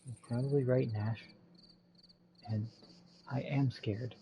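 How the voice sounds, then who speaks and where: A man voicing a calm, earnest young female mage heir. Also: medium pitch, takes it slowly, slight background noise, poor audio.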